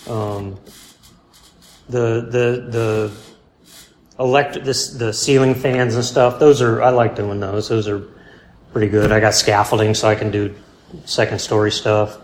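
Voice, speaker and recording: A man's voice: on the low side, level tone. Give me a rambling man being interviewed, in a roomy space. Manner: rambling, halting, many fillers and restarts; self-deprecating, laid-back. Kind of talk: casual interview. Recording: roomy with faint background hum.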